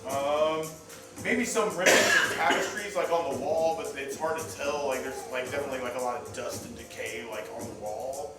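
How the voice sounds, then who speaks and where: A man's voice: mid-range voice, normal speed, loud music behind the voice. A man acting as game master, improvising scene descriptions conversationally in a hesitant, piecemeal way. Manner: hesitant, piecemeal descriptions with many hedging words. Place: roomy indoor game gathering. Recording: echoey room, distant mic, background sound.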